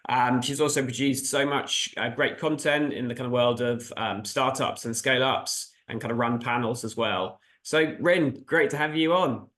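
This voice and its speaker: A man's voice: mid-range voice, normal speed, few pauses, fairly bright tone. A man hosting a casual interview, feeling his way through loosely phrased questions. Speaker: host, interviewer.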